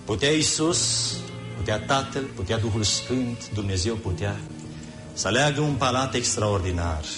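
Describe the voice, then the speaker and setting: A man's voice: lowish voice, animated, music in the background. A man preaching a sermon in an impassioned, emphatic way, repeating phrases for effect.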